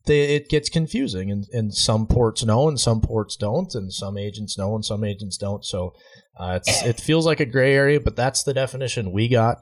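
A man's voice: lowish voice, moderate pace. Guy cohosting, earnest, explains stuff with lots of ums, portable recorder. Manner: earnest, explanatory, with many fillers. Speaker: podcast co-host. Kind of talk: casual chat.

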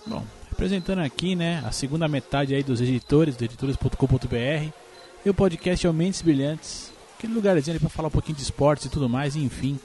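A man's voice: fairly high pitch, quick pace, dark tone. A man chatting casually as a podcaster. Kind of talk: casual chat.

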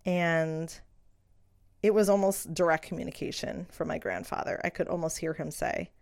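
A middle-aged woman, a midwife, talking through her beliefs in a reflective solo podcast, earnest and unhurried with soft fillers. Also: deep voice, steady tone, creaky.

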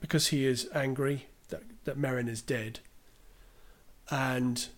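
A man's voice: medium pitch, steady tone, takes it slowly. A man co-hosting a podcast, chatting casually about a film, retelling its scenes and reading out listener questions. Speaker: podcast co-host.

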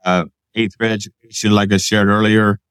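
Male guest from pennsylvania, lowish voice, dry close sound, matter-of-fact telling. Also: little pitch movement, moderate pace, a bit bright, clear, resonant tone, dry recording. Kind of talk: casual interview storytelling.

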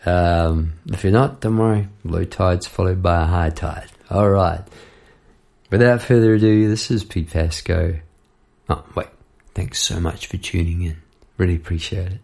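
Gravelly New man spinning a yarn. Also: low voice, steady tone, measured pace, darkish tone. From New Zealand. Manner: chatty, rambling, laughs between lines. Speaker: podcast host and songwriter. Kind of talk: casual storytelling monologue.

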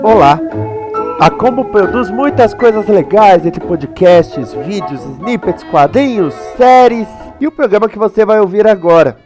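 A man's voice: high-pitched, expressive, measured pace, over music. Upbeat Brazilian male show host. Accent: Brazilian Portuguese. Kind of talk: scripted show introduction.

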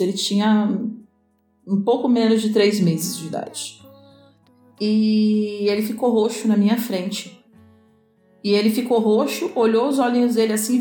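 Casting: a woman podcast guest, mid-pitched earnest storyteller, roomy echo, faint music underneath. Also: normal speed, warm tone. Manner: earnest, recounting a story with many restarts. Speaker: podcast participant. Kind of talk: casual chat.

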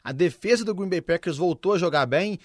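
A man's voice: high-pitched, lively intonation, fairly quick, no room sound, clean studio sound. A man with a Brazilian Portuguese accent giving American football analysis and commentary as a radio commentator.

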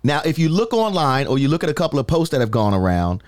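A man hosting a casual podcast chat, asking questions in an animated way with frequent restarts. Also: a little high, fast, dry recording, clean studio sound. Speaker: podcast host.

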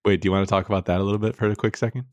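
A man's voice: fairly low pitch, steady tone, racing, a little mellow, no echo. A young man co-hosting a podcast, talking casually in a rambling way with lots of fillers. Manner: rambling, many fillers and restarts. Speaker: podcast co-host.

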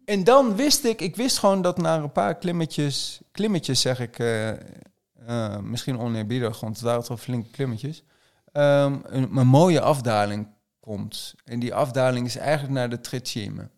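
A man's voice: mid-range voice, moderate pace. A man casually recounting his experiences as a trail runner, acting out his own thoughts as he tells it. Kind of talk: casual conversational storytelling.

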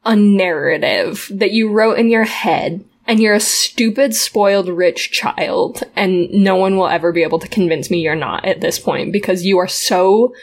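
A woman's voice: medium pitch, moderate pace, few pauses. A woman co-hosts a casual podcast and rants in a heated, indignant way about a character's behavior. Her talk is conversational and emphatic. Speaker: podcast co-host. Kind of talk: casual recap chat.

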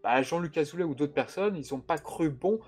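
A man co-hosting a casual podcast chat, animated and teasing, often restarting his sentences. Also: on the high side, brisk, breathy edge.

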